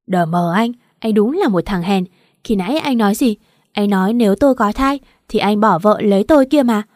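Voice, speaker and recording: Woman reading defiant young mistress, brazen, mellow dry voice. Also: medium pitch, expressive, fairly quick, no echo, close to an everyday voice. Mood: furious. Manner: taunting, brazen.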